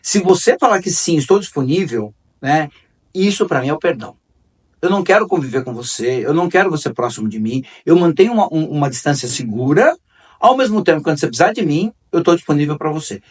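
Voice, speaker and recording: Guy hosting a chat about forgiveness, swoopy animated voice, bit far from the mic. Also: a little high, fast talker, breathy edge. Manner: conversational, repeats phrases, lively storytelling. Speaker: host. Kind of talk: reflective talk on forgiveness.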